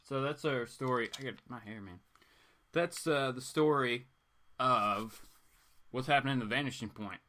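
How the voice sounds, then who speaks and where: A man chats casually on a livestream where he reads comics, rambling informally and slipping into theatrical delivery when reading aloud. He has a medium-pitched, sharp-toned voice at normal speed.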